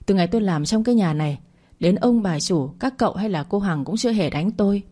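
A woman's voice: mid-range voice, animated, fast, warm tone, close to an everyday voice. A woman voicing a brash, defiant young female housemaid in a spoken story. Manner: rude, then pleading.

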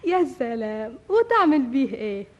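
A spirited young Egyptian village girl, high-voiced. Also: very animated, slow pace, heavily acted. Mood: teasing. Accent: Egyptian Arabic. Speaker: Maysoun, heroine. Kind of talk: 1960s-style Egyptian radio drama acting.

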